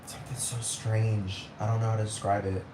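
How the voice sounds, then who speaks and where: This time his voice sits lower and a little mellow, delivered flatly and briskly, with slight background noise. He's a young man from Puerto Rico who grew up in Texas, ranting profanely and rambling on his solo podcast while repeatedly checking if you understand. Faint ambience fills the roomy recording space.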